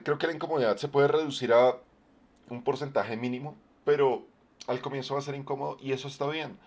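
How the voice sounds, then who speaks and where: A man with a low, deep voice, talking casually on his live stream as a game master, conversational with many fillers and restarts. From Colombia.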